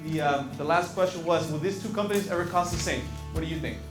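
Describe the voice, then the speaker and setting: A male teacher leads a classroom lesson, questioning his students and telling them what to do next. His voice sits a little high for a man. The classroom is echoey, and soft music plays underneath. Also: fast talker. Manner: coaxing questions, directive. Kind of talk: classroom instruction.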